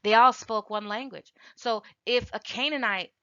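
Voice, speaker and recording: A woman's voice: a little high, normal speed, sharp tone, dry recording, dull audio. A woman giving an informal video lesson on a language, arguing her points firmly with rhetorical questions. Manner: emphatic, rebutting with rhetorical questions. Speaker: language teacher.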